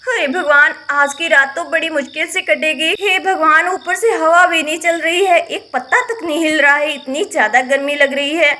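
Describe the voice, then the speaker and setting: A woman's voice: high-pitched, fairly even intonation, moderate pace, hardly any pauses, pushed and bright. A woman voicing a tired village wife and mother who complains and scolds, in a doll-play story. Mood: weary. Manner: complaining, nagging.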